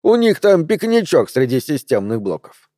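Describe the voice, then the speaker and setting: A man's voice: fairly high pitch, big pitch swings, normal speed, dark tone, no echo, clean studio sound, voice pushed up. A male narrator voicing a mocking man in an armed gang who chuckles and jeers sarcastically. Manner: jeering, sarcastic.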